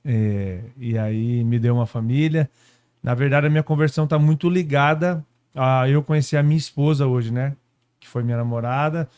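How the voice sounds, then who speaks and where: A man from São Paulo state telling his story as a guest pastor, unhurried, tagging his sentences with little questions. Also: mid-range voice, darkish tone, clear, resonant tone. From São Paulo state, Brazil. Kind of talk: casual testimony conversation. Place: podcast studio.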